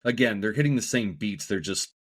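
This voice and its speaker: Low-voiced man in laid-back podcast chat. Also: fairly quick, breathy edge, no echo, studio quality. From Midwest United States. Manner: laid-back, hedging with "you know". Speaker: podcast co-host. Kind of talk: casual chat.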